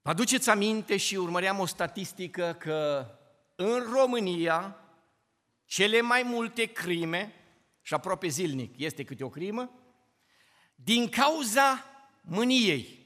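A man's voice: high voice, animated, a bit bright. A man preaching a sermon, impassioned, his voice rising and dropping sharply for emphasis. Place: church. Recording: long reverb of a church hall.

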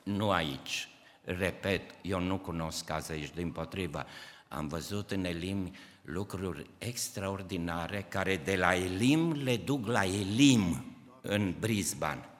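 A man preaching a sermon to a congregation, impassioned, swinging between loud outbursts and hushed, tearful passages. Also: deep voice. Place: church hall. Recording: reverberant church hall.

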